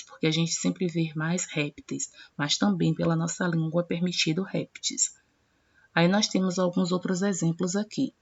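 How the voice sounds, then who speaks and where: Female teacher, lower voice, patient step-by-step explainer, dull lo-fi sound. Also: darkish tone. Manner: explanatory, reads word pairs slowly and addresses students directly. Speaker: Portuguese grammar teacher. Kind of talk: classroom-style grammar lesson. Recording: dull lo-fi recording.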